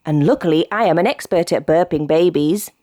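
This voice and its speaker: A woman's voice: lowish voice, a little fast, mellow, natural voice. A British woman voicing a boastful, know-it-all male frog in a children's storybook read-aloud, in a cheerful, bossy, self-assured manner. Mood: confident.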